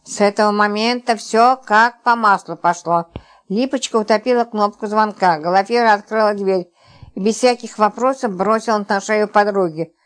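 A woman narrating an audiobook with a lively, expressive reading. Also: medium pitch, normal speed. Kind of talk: scripted narration.

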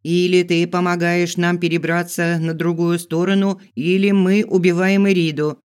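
A man's voice: high voice, flat delivery, moderate pace, smooth, pitched above the performer's own voice, lightly acted. A man voicing a cruel woman captor who taunts her prisoner in an audiobook. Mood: taunting. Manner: cold, taunting.

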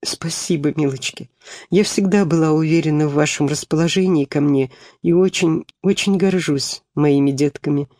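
A man reading the part of a gentle, tearful young woman teacher who speaks softly and tenderly. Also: on the high side, measured pace, dry recording, studio quality, close to an everyday voice. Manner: soft, tender.

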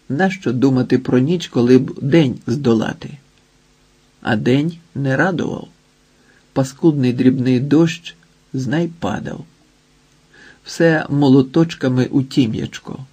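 A man reads a literary novel aloud in a steady, measured narration. His voice is husky and breathy at a mid pitch. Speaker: audiobook narrator.

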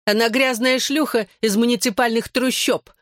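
An audiobook reader voicing a spiteful, mocking teenage schoolgirl in a sneering, shrill voice. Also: big pitch swings, a little fast, fairly bright tone, no echo, clean studio sound.

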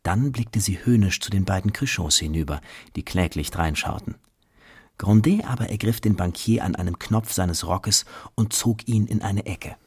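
A man narrating a radio play in a measured way. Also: lowish voice, darkish tone, husky. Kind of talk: scripted narration.

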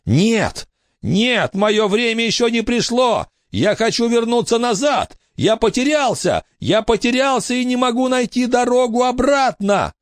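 A man's voice: extremely high pitch, expressive, unhurried, no room sound, pitched above the performer's own voice. A tormented ghost of a dead man, lost and desperate, cries out in frantic, pleading screams. The voice rides far above the reader's own, wild and strained. It sounds dry and close. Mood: desperate screaming.

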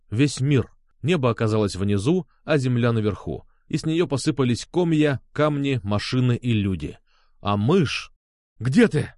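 A man's voice: medium pitch, darkish tone, no echo, clean studio sound. A man narrating a tense first-person audiobook story in a dramatic manner.

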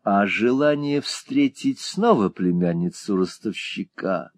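A man narrating a classic novel as an audiobook in an expressive, theatrical reading. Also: fairly low pitch, slow pace, no echo, clean studio sound.

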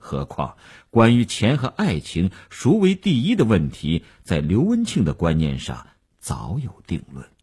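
A man reading a novel aloud for radio in an expressive storytelling manner. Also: on the low side, measured pace, slightly rough. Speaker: audiobook narrator.

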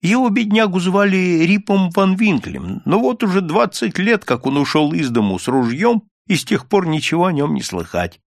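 A man voicing a young mother who speaks softly and sadly about her lost father. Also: high voice, big pitch swings, normal speed, few pauses, no echo, studio quality, pitched above the performer's own voice. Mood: sorrowful. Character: young woman, gentle mother.

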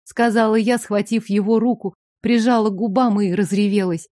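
Mellow-voiced woman narrating an audiobook. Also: medium pitch, fairly even intonation, moderate pace, dry recording, studio quality. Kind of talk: first-person audiobook narration.

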